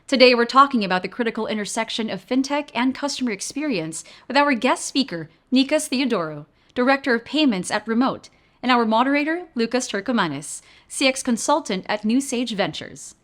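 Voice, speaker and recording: A woman's voice: on the high side, fairly quick. Woman host reading a polished intro. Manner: polished, even read-out delivery. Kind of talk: scripted introduction.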